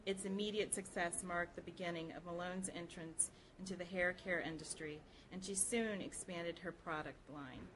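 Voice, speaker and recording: An American woman reads aloud from a nonfiction history book as a public reader at a library program. Her voice is on the low side, with fairly even intonation, a moderate pace and few pauses. The live event recording is clearly noisy.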